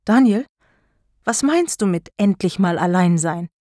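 A woman's voice: mid-range voice, lively intonation, measured pace, warm tone, no room sound, natural voice. A woman voicing an adult female social worker who questions students insistently, in a dry storybook recording. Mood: worried.

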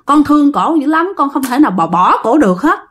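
A woman's voice: high voice, very animated, brisk, a bit bright. A woman voicing a lovesick young male ghost. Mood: pleading. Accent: Southern Vietnamese. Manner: pleading, insistent.

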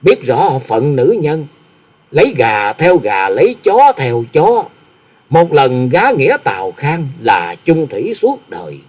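Brief: male narrator doing a tearful, accusing wife in an audiobook, raised husky voice, slow, drawn-out lament. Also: fairly high pitch, huge pitch swings, warm tone. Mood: bitter lament. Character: distraught wronged middle-aged wife, bitter and indignant.

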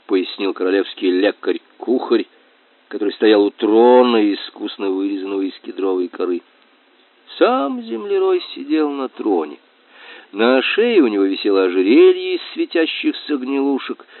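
A man narrating a children's story in an expressive, lively reading voice. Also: fairly low pitch, dry recording. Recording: tinny dry phone-like sound.

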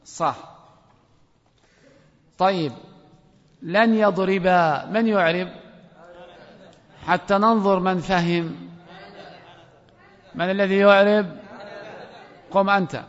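High-voiced male grammar teacher. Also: slow pace, long pauses, fairly bright tone, big-room sound, dull audio. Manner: questions and calls on students by name. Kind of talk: classroom grammar lesson.

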